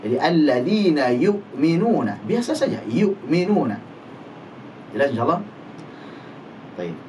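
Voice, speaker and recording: A male recitation teacher in a live online class, patiently demonstrating Arabic letter sounds slowly and repeatedly. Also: a little high, sing-song, mellow, far from the mic, a little hiss or hum, rough recording.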